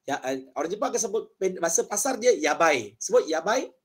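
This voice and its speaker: A man's voice: sits high, expressive, fairly quick, breathy edge. A man with a Malaysian accent teaching a playful online Japanese class, joking and drilling words by repetition.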